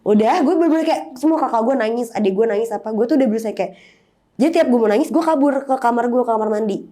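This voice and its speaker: A woman's voice: on the high side, quick pace, dark tone. A woman, telling a personal story as an interview guest in a candid, emotional way, slipping in English words. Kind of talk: personal storytelling in casual chat.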